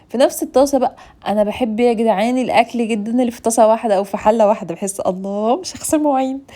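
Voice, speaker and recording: A woman's voice: on the high side, dark tone. A woman with an Egyptian accent, chatting playfully and talking straight to her viewers while she walks them through a home cooking tutorial. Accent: Egyptian Arabic. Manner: talkative, playful, teasing, addresses viewers directly.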